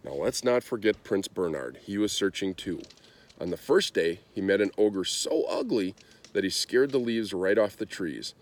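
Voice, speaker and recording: A storybook reader, a man with a voice on the low side, reads a children's story aloud at normal speed in an expressive storytelling style.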